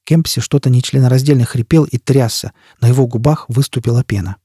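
A man narrating an audiobook in steady, measured storytelling. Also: medium pitch, husky, no echo, studio quality. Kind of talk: scripted narration.

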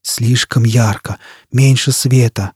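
A man's voice: medium pitch, steady tone, a little mellow, husky, no echo, studio quality. A man voicing a tormented, half-mad burning man who drags out his words in strained cries in an audiobook. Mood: tormented, slow. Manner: slow, drawn-out, strained cries.

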